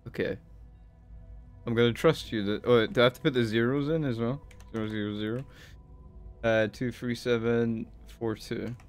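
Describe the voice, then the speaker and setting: A man streaming a game live, exasperated and swearing, with bursts of yelling between muttered commentary. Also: mid-range voice, fairly even intonation, normal speed, clean tone, faint music behind. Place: home desk.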